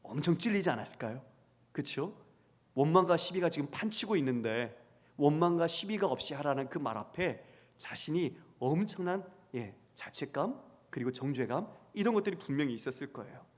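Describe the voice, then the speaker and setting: A man's voice: fairly high pitch, lively intonation, normal speed. A man preaching as a pastor who asks the congregation questions and acts out the voices he quotes. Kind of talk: sermon. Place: church sanctuary. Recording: long church hall reverb.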